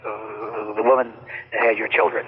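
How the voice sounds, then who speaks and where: A man's voice: fairly low pitch, flat delivery, normal speed, slightly rough. A man talking in a rambling, boastful way to his son, heard on a poor old cassette tape of a phone call. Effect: poor-quality old cassette tape of a phone call. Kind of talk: casual phone chat.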